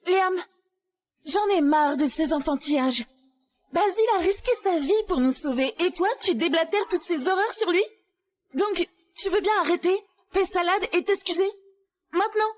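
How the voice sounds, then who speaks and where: A woman's voice: extremely high pitch, moderate pace. A bossy, dismissive young woman. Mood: scolding. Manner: scolding. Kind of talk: French-dubbed drama.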